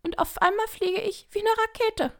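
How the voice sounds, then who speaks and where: A woman voicing a squeaky little lizard. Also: fairly even intonation, moderate pace, fairly bright tone. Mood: flustered. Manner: squeaky, shaken and breathless. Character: small weak squeaky male lizard. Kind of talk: audiobook reading.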